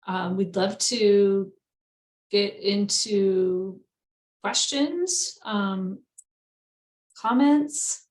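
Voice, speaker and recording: A woman moderating an online meeting, relaxed and hesitant, with many pauses. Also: mid-range voice, reverberant.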